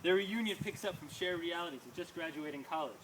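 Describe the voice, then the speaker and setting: Quick-paced and fairly high-pitched, a man delivers his own poems to a small audience with rhythmic force, adding offhand asides. The mic is far off and the live room is noisy.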